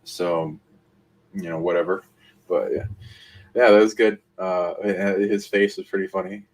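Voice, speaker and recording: A man's voice: low voice, fairly even intonation, a little slow, poor audio. A man co-hosting a live stream who rambles through speculative, loosely joined thoughts. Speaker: co-host. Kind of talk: casual live-stream talk.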